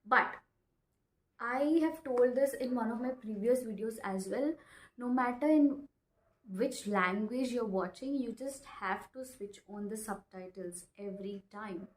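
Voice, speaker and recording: In a small, bare, echoey room, a woman in her 20s, a non-native speaker with an Indian accent, teaches informally to camera. Her voice is a little high and a little slow, and she's emphatic, repeating phrases with regular check-ins.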